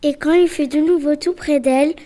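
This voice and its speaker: Young woman storyteller, high bright voice, reading a folk tale aloud. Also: fairly even intonation, normal speed.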